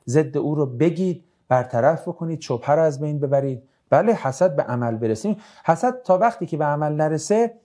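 A man leads a religious class, reading out listeners' questions and answering them briskly. His voice sits a little high for a man but has a warm, mellow color. He talks plainly and slips in dry jokes. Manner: brisk, conversational, with dry joking asides. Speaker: religious teacher.

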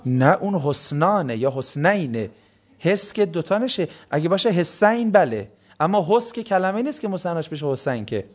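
A man's voice: a little high, very animated. A man teaching a class on the meaning of sacred words, who keeps asking the students questions and then answering them himself. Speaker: religious studies teacher. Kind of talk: classroom lecture on Quranic words.

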